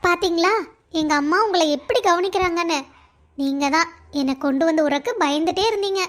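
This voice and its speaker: A woman voicing a young, tender pregnant wife in a cartoon story, speaking softly and affectionately. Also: very high-pitched, a little fast. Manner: soft, affectionate. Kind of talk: Tamil cartoon voice acting.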